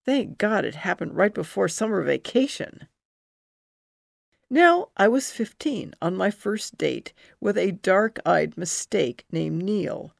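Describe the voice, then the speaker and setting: Slow, gravelly woman reading her memoir. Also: no room sound, studio quality. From New Jersey. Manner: slow and expressive, swinging into high bursts for remembered feelings. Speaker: memoir narrator. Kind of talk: first-person memoir reading.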